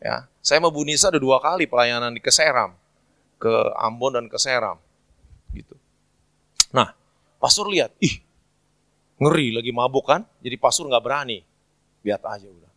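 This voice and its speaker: A male pastor telling a story in a chatty, animated sermon at a church service, often asking the congregation to agree. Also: medium pitch, normal speed, long pauses, no room sound.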